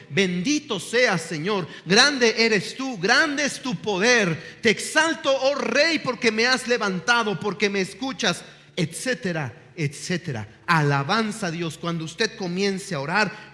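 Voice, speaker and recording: A male pastor preaching with a high, bright, ringing voice. He is emphatic and calls on listeners to repeat words after him. Long reverb and faint music sit behind him. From Mexico. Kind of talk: sermon.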